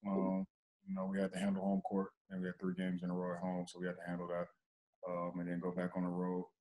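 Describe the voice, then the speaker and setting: A young man with a very low, flat voice speaks in an even, low-key way. He answers postgame questions over a video call from in front of a press backdrop. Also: fast, rough recording. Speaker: basketball player at postgame press conference.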